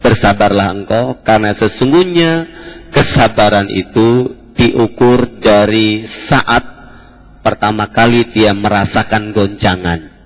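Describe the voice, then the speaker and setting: A man's voice: lowish voice, slow. A male preacher giving a lecture on hadith, explaining at length with casual colloquial asides. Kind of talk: Islamic study lecture. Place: mosque hall in Jakarta. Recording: echoey mosque hall.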